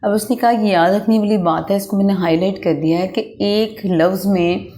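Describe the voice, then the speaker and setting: A woman's voice: medium pitch, steady tone, mellow. A woman teacher with a Pakistani accent explaining a textbook lesson, reading each English line and then explaining it. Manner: slow, reads English lines then explains them.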